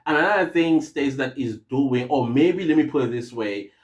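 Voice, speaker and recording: A man's voice: mid-range voice, moderate pace, dull audio. A man with a South African accent hosting a podcast, talking to his viewers in an earnest, rambling way and often stopping to hesitate and restart. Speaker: podcast host. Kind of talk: casual podcast monologue.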